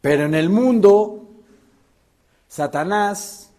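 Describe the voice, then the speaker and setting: A man preaching a sermon as pastor, asking the congregation rhetorical questions and swinging between loud and hushed delivery. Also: sits high, animated, takes it slowly.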